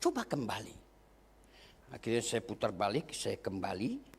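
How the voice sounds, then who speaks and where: A man from Aceh preaching a sermon as a pastor, telling a personal story with deep feeling, going from hushed to shouting and addressing the congregation directly. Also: wildly swooping pitch, moderate pace, gravelly, a little hiss or hum. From Aceh, Indonesia.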